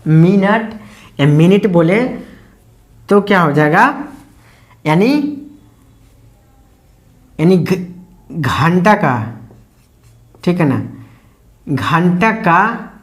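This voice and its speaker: This is a teacher talking a class through a lesson at a steady middle pitch. They keep firing off little check-in questions and then answering them, and they repeat the key words slowly and patiently. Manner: quizzing tone, constantly asks "ठीक है ना?" and answers own questions; slow, repetitive step-by-step explanation. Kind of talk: explaining English lesson to students.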